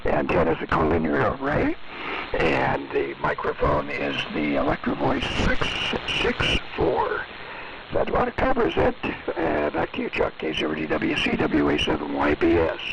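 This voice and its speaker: An older man checking into a ham radio net, his voice coming through a slightly mistuned sideband radio signal, talking about his gear in a halting way full of fillers. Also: mid-range voice, wildly swooping pitch, vocal fry. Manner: halting, filler-heavy technical talk. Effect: slightly mistuned single-sideband ham radio signal. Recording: noisy, lo-fi shortwave radio reception.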